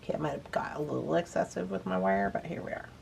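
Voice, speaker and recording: Heavy background noise surrounds this woman's low, expressive, creaky voice as she rattles quickly through a beading demo. Friendly and casual, she explains every step while working, sniffling a little.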